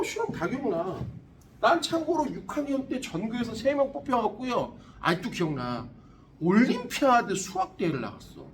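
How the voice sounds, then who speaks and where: A man in his forties teaching a high school science class, blunt and teasing, swearing often. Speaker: science tutor. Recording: classroom recorded from a distance, faint room noise.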